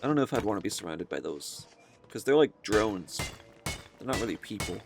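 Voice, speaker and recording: A man's voice: fairly low pitch, big pitch swings, a little fast, background noise. A man hosting a casual let's-play, thinking aloud as he plays and often rambling and correcting himself. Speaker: gaming video host.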